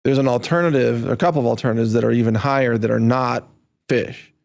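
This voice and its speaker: A man from the American Midwest talks as a podcast guest. He explains at length, and his questions have an amused, incredulous edge. His mid-range voice carries a gravelly fry. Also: medium pitch, fairly even intonation, fast, a little mellow. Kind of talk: casual conversation.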